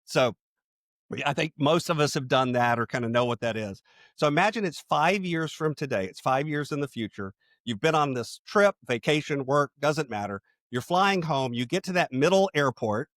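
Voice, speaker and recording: Middle-aged male podcast host, fairly high voice, vivid storyteller, dry close mic. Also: normal speed, dry recording. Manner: storytelling, animated voices for quoted people. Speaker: podcast host and calling coach. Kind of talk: conversational interview.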